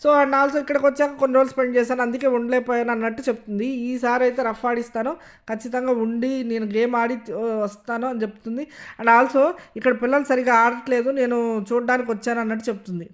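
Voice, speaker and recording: This is a reviewer walking through an episode in a relaxed, chatty way. The retelling is loose and wanders, with frequent filler sounds between phrases. The voice sits at an ordinary middle pitch. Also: fast talker. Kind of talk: casual spoken episode recap.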